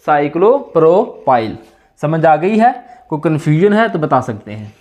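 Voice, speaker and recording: High-voiced male teacher with a sore throat. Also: sing-song, a little slow, darkish tone. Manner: asks students questions and answers them himself, repeating. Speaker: chemistry teacher. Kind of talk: classroom lecture.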